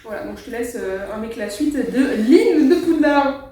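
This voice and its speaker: Woman host, casual chat, hesitant with fillers, high-ish voice, echoey room, distant mic. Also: animated, moderate pace, warm tone. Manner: hesitant, filled with "euh" and laughs.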